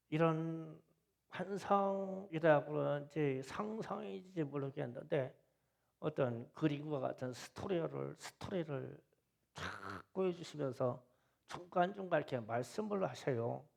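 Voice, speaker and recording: Gravelly-voiced pastor preaching slowly. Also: male voice, a little high. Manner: emotional storytelling, rising to loud wailing. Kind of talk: sermon retelling a vision.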